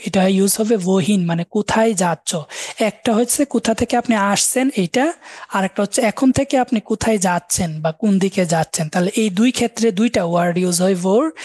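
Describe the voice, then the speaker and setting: A man teaching German in a live online class, repeating and slowly spelling out words. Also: high-pitched, darkish tone, no room sound. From Bangladesh.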